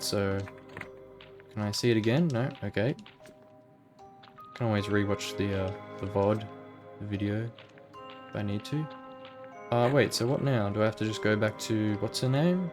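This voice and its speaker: A man's voice: on the low side, normal speed, long pauses, music in the background. A man chatting casually while he plays a video game, musing aloud and reading the game's text. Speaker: let's play gamer. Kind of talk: casual gameplay commentary.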